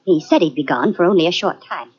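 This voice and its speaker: Playing a wealthy widow under suspicion, an actress in a 1940s radio drama sounds tense and defensive, faltering in her speech. Her lowish voice is slightly rough and a little mellow, with lively intonation, captured on a dull lo-fi old radio recording.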